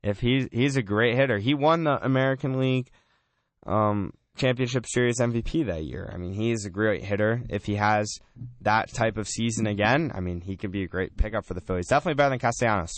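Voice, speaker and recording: Man, low voice, college radio sports host, chatty and loose, dry studio sound. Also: brisk, no echo. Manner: chatty, says "man" and "I mean" a lot. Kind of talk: casual sports talk.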